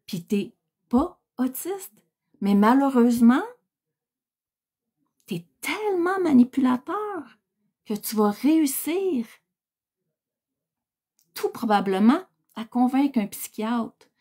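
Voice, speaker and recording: Scolding Quebec French woman, slow-spoken. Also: sits high, sing-song, warm tone. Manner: scolding, blunt, exasperated, swears. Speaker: livestream host. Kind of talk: heated livestream rant.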